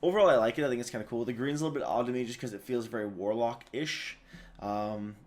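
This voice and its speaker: A man's voice: medium pitch, fast talker, darkish tone. A tired man hosting a video, giving casual, rambling commentary full of fillers and restarts. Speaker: video host.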